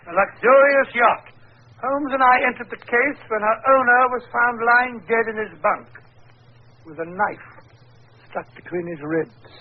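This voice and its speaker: An actor playing a blustery older English doctor and storyteller with a husky voice, in 1940s radio style. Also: male voice, very high-pitched, measured pace. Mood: genial storytelling. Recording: thin, narrow old radio recording.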